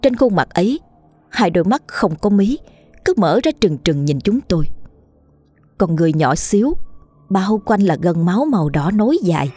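A woman reading a horror story aloud in a steady, measured and grim narration. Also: fairly low pitch, husky, faint music behind.

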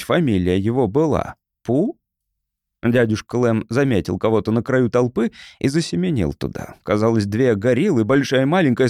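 A man reading an audiobook in the first person, telling it in a folksy, expressive way. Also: mid-range voice, no room sound, studio quality. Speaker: audiobook narrator.

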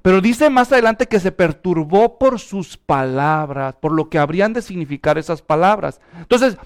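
Pastor with a high, clear voice. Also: male voice, normal speed. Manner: animated, urges the congregation to respond aloud. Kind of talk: sermon.

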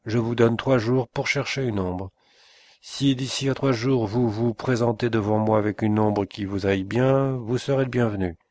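A man's voice: medium pitch, fairly even intonation, moderate pace, darkish tone, no room sound, close to an everyday voice. A man reading the part of an indignant middle-aged forest inspector and father, speaking with menace in an audiobook. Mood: stern.

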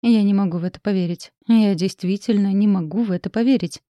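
A woman's voice: fast talker, mellow, dry recording, natural voice. A woman reading the part of a shaken, blunt young woman in an audiobook. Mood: stunned. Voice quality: grim, low delivery.

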